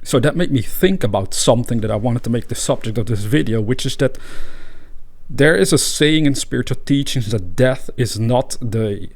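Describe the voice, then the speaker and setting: A native Dutch speaker with a Dutch accent hosts a spiritual podcast in a mid-range voice. He delivers a calm, reflective monologue punctuated by pauses and fillers.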